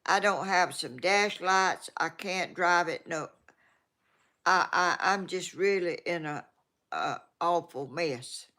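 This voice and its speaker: Slow and low, with a bright, forceful tone, this vlogger in her 80s speaks in a Georgia Southern accent. She reads comments to her viewers in a rambling, casual chat, often trailing off and starting over.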